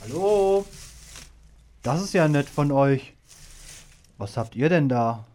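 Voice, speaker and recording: A man voicing a gentle, kindly male donkey in a children's radio play who talks slowly and is easily delighted. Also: a little high, lively intonation. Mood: friendly. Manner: slow, warm-hearted and easily delighted.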